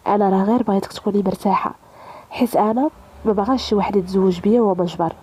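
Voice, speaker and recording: A woman voicing a wealthy young groom, calm, polite and suspicious, with a Moroccan accent. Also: medium pitch, racing, husky, natural voice, poor audio.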